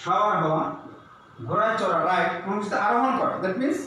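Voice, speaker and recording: High-voiced male teacher in echoey room. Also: pushed and bright. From Bangladesh. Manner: explains slowly, spells words letter by letter. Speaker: English teacher. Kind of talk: online lesson. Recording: very echoey room with faint hiss.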